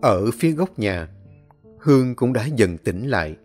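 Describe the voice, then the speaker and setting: Husky expressive male storyteller. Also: mid-range voice, unhurried. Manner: expressive and animated. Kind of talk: dramatic story narration. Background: faint music.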